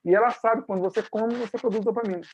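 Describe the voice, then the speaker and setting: A man's voice: sits high, steady tone, very fast, a little mellow, poor audio. A man with a Brazilian Portuguese accent giving a conversational online lecture to medical students, explaining with acted-out examples and questions to his listeners. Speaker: guest lecturer on leadership.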